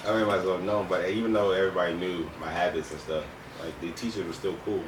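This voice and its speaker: A man's voice: low-pitched, steady tone, quick pace. A young man in casual chat as co-host of a couple's video, blunt and slangy, repeating himself for emphasis. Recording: echoey room, distant mic, clear background noise.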